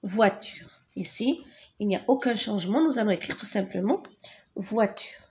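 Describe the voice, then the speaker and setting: A woman teaching a French lesson, spelling out words syllable by syllable and repeating them slowly. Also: medium pitch, lively intonation, darkish tone.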